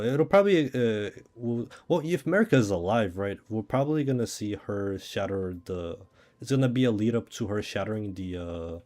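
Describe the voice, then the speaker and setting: A Brazilian man whose first language is Portuguese chats casually while streaming a game, thinking aloud and rambling. He speaks with a Brazilian accent in a lowish voice with a darkish tone.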